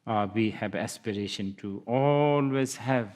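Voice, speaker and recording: A man's voice: lowish voice, unhurried, a little mellow. A man giving a Buddhist dharma talk, musing aloud with laughs and hesitant restarts. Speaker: Buddhist teacher. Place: lecture hall.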